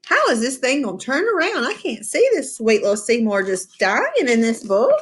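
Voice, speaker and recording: A woman teacher reading a storybook aloud to children, pausing to ask them questions and explain words. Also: a little high, breathy edge. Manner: expressive, asks the children questions, slow and patient. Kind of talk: storybook read-aloud with class discussion.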